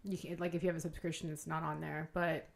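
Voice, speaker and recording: A woman's voice: sits low, level tone, fast talker, vocal fry. A woman co-hosting a horror podcast, enthusiastically gushing about films and saying "like" a lot. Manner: gushing, enthusiastic, heavy use of "like". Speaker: podcast co-host. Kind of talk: casual chat.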